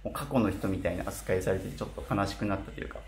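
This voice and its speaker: This low-pitched, rapid-fire voice belongs to a twenty-something man from Kitakyushu, Japan, vlogging casually to camera with speech a bit slurred, as if through a mouthguard. He's indoors in a small, bare apartment room, recorded by a camera a short way off, with roomy echo and faint noise.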